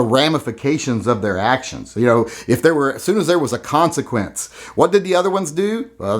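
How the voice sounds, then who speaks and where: Blunt, mocking man with a lively voice. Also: a little high. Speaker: gun channel host. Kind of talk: commentary on a video.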